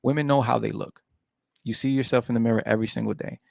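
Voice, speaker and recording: Gravelly man lecturing, "right?". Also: medium pitch, steady tone, fast, no room sound, studio quality. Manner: lecturing, keeps asking "right?". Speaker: podcast panelist. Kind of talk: casual podcast debate.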